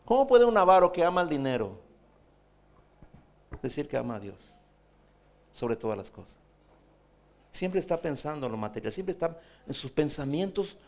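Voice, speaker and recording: Man, pastor, sermon, rhetorical questions, raised pitch, gravelly. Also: sing-song, normal speed, pauses often. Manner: emphatic preaching with rhetorical questions.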